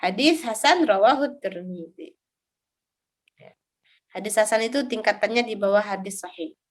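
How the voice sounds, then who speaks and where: A young woman teaching an online religious study class, talking casually and answering her own questions. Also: mid-range voice. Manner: recites Arabic text slowly for students to repeat. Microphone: voice recording.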